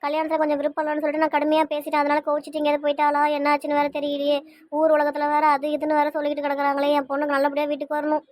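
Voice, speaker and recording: A woman's voice: high-pitched, completely flat delivery, darkish tone, no echo, natural voice. A woman acting as an anxious mother worried about her missing daughter, firing off pleading questions in an amateur family web drama. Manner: rapid pleading questions, fretful.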